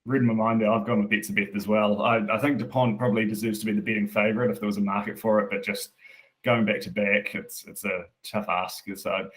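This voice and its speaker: New male host, rapid even delivery, low voice, casual sports chat. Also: poor audio. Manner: brisk, runs the segments. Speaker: podcast host.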